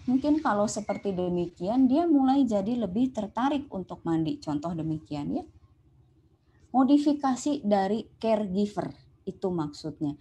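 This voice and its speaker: A woman doctor giving an online seminar talk on caregiving. She explains in a lively way and drops in English terms. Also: medium pitch, slight background noise. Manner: lively, explanatory, acts out quoted speech, mixes in English terms.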